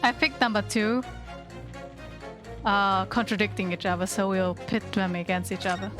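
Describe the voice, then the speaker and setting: A woman's voice: medium pitch, fairly even intonation, normal speed. A woman live-streaming a video game, chatting casually and a little self-deprecatingly as she plays. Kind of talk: casual live game commentary, reading dialogue aloud. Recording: game music behind the voice. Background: video game music.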